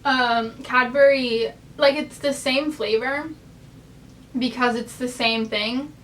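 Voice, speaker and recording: Chatty high-voiced young American woman. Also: fairly even intonation, slow, fairly bright tone, recorded from a distance, slight background noise. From United States. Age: young adult. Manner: rambling, filler-heavy, chatty. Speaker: vlogger. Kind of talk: casual chat. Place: in bed, bedroom.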